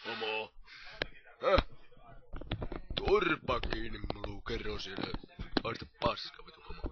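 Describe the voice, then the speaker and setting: A man in improvised amateur comedy, rowdy and mocking, who often shouts crude insults. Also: lowish voice, expressive, lo-fi sound, heavy background noise.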